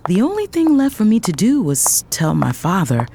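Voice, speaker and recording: A woman narrates and acts a first-person audio drama, playing a proud, composed young lawyer who is also an elder sister, with deliberate expression. Her mid-range voice swings hugely in pitch, and her mood is reflective. Some background noise can be heard.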